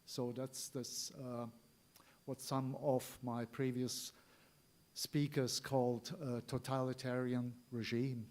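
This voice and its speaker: A man from Turkey with a Turkish accent gives an informal political speech, halting at times and repeating key points for emphasis. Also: mid-range voice, level tone, a little mellow. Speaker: rally speaker.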